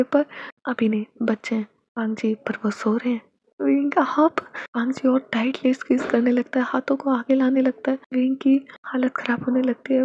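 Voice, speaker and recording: A woman's voice: a little high, vocal fry, mellow, slightly rough, no echo, dull audio. A woman narrating a romance fan fiction story, reading every character's lines herself and sometimes dropping to a whisper.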